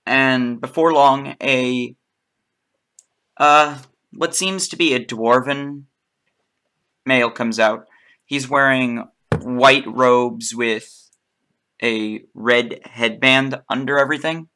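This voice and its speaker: A man narrating as game master of a tabletop game, halting and slow, putting formal lines in a king's mouth. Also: medium pitch, fairly even intonation, bright, forceful tone, clear, resonant tone.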